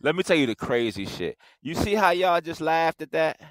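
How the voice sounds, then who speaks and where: A man co-hosting a casual podcast, talking in an animated way and often repeating "like" and "hey". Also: on the high side, moderate pace, no echo, low-quality recording. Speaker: podcast co-host. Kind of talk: casual group chat.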